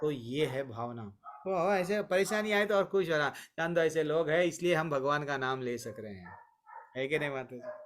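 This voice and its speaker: A man teaching a spiritual class on a video call, animated, often asking rhetorical questions and chanting. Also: on the high side, normal speed, a little hiss or hum.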